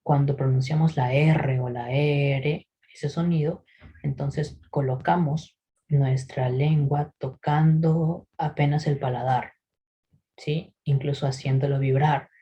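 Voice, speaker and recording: A man teaching English pronunciation in a recorded lesson, patiently explaining and often checking in with a quick "¿sí?". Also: a little high, fairly even intonation, mellow, breathy edge, low-quality recording. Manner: models English words slowly for repetition.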